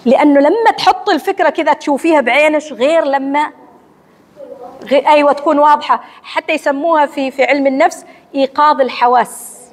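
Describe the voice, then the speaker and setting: A woman with an Omani accent giving a religious lecture to women in a mosque hall, asking and answering her own questions in a lively teacherly way. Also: high-pitched. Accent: Omani Arabic. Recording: long hall reverb.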